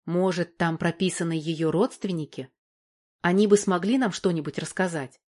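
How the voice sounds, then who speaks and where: An eager young woman presses with questions in an audiobook scene, read by a woman. Her tone climbs a little higher and louder, impatient and pleading. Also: moderate pace, close to an everyday voice. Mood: curious.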